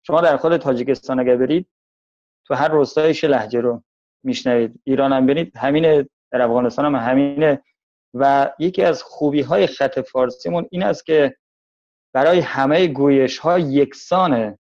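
A man from Tajikistan with a Tajik Persian accent gives a thoughtful interview, slowing down to stress his points. His mid-range voice is a little mellow, and the audio sounds dull.

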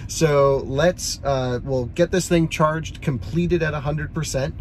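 A man's voice: a little high, steady tone, slow, darkish tone, slight background noise. A man in his thirties hosting a casual car review, talking upbeat and explaining from inside a car. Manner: upbeat, explanatory, laughs often. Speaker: host.

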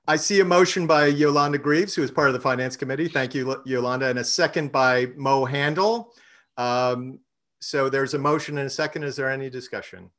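This man is the treasurer and finance committee chair, presenting a budget and conducting a vote during a virtual council session. His delivery is measured but riddled with fillers and false starts, and his mid-range voice has a fairly bright tone.

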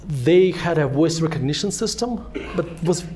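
Holding a microphone at a synagogue hall fireside chat, a guest author in his forties with a Russian accent rambles through self-deprecating stories, often restarting. His voice runs on the high side with a darkish tone, lively intonation, and a moderate pace, over a little hiss or hum.

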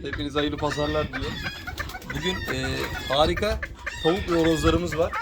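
A man vlogging as a poultry hobbyist, chatting to viewers and softly coaxing his birds to come and calm down. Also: fairly high pitch, a little fast. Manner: coaxes birds with soft repeated calls; lively, chatty, addresses viewers directly. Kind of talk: casual vlog, unboxing birds for viewers. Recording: loud background noise with clucking chickens.

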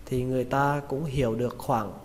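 A man giving a spoken vocabulary lesson, saying each word slowly and repeating it with care. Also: mid-range voice, steady tone, darkish tone. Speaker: English pronunciation teacher. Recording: long reverb with faint noise.

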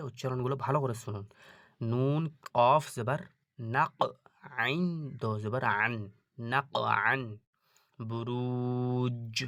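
A man's voice: mid-range voice, fairly bright tone, dry recording, clean studio sound. Patient man teaching Quran reading. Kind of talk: online recitation lesson.

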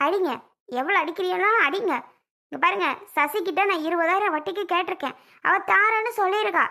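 A woman's voice: very high voice, brisk, gravelly, pushed and bright, exaggerated voice. A woman playing a quarrelsome, stubborn young wife in a family skit, talking back defiantly. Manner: defiant, argumentative.

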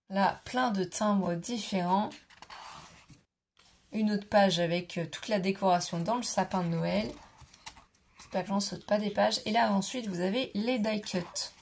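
Gushing woman with a gravelly voice. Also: medium pitch. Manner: gushing, enthusiastic, repeats "trop mignon". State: voice going, clearing throat. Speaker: scrapbooking vlogger. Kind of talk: casual product haul show-and-tell.

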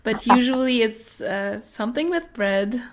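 Slow, easygoing woman who laughs a lot. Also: fairly high pitch, expressive. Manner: slow, chatty, laughs often mid-sentence. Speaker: podcast host. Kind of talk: casual chat.

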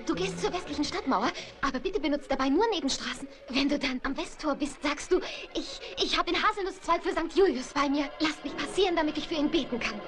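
An actress as a naive young fairy-tale princess with a high voice. She gushes romantically and breathlessly, swooning over her words in theatrical film-comedy style, with music playing behind her. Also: fast talker, hardly any pauses, natural voice. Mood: swooning, urgent. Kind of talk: theatrical comedy film acting in German dub.

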